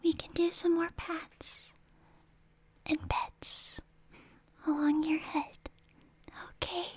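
A possessive supernatural girl, played by a woman, murmurs to her human captive in an ASMR roleplay. Her voice sits very high and unhurried, mostly whispered and coaxing, with sudden sharp outbursts. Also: little pitch movement. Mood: coaxing, menacing. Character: possessive, unstable young supernatural girl captor.

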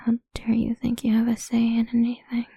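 In this menacing whispered audio roleplay, a woman plays a domineering, cruel figure, taunting in a low, crude whisper. The voice is dark and gravelly with fry, pitched fairly high, slow, and completely flat in delivery. It sits dry and close with no room sound, performed as a full character voice.

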